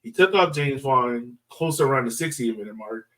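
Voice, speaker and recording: Heard from a distance, a male podcast co-host and soccer fan breaks down soccer in a casual sports analysis chat. He speaks at normal speed with a medium-pitched, fairly bright, animated voice, informal and emphatic with plenty of filler words.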